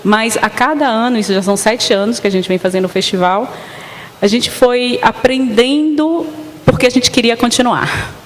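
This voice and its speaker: A woman's voice: fairly high pitch, normal speed. A woman dancer and festival organizer speaking on a panel, earnestly recounting her experience. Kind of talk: panel discussion. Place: arts center stage. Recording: reverberant hall with faint noise.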